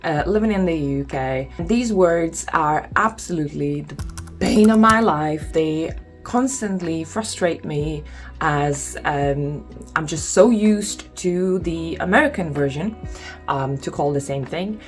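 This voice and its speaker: Faint music plays behind a young Lithuanian vlogger as she chats to camera at home in her Lithuanian accent. She speaks slowly in a low-pitched voice, peppering her casual talk with ums and exasperated asides.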